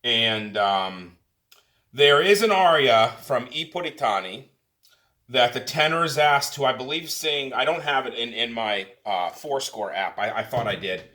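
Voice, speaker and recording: A man, a tenor, giving a casual spoken singing lesson in a relaxed, halting way with many fillers and restarts. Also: medium pitch. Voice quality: tenor speaking voice. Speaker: singing teacher.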